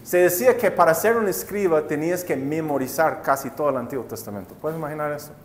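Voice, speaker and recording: Man preaching a sermon in a higher voice. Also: fast, slight background noise. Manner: storytelling with rhetorical questions to the congregation; addresses listeners as brothers and sisters. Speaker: pastor.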